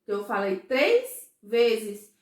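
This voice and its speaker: On the high side and a little mellow, this woman's voice swings widely in pitch and echoes noticeably. In a recorded remote class for first graders in Brazilian Portuguese, she speaks patiently and slowly, often using "certo?" and "ó" to check the kids are keeping up.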